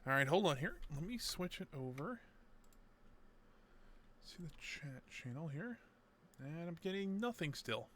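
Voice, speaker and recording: A man with a fairly high, sing-song, fairly bright voice talks a little slowly with long pauses while livestreaming a game. Heard through his headset mic with slight background noise, he rambles casually and talks to himself as he fixes his setup.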